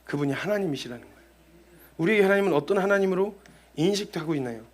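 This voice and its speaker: A man preaching a sermon as a missionary, moving between hushed, intimate passages and loud, rising exhortation, and acting out quoted voices. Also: high voice, lively intonation, fast talker. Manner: acts out quoted voices of God and the believer.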